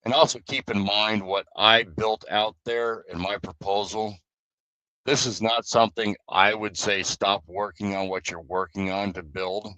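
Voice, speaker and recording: A man on a live stream talks to his guild in a loose, rambling way, with plenty of fillers and restarts. His voice sits on the low side but sounds bright and forceful. The sound is dry, with no room echo. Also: fairly even intonation, unhurried. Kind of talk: casual live stream chat.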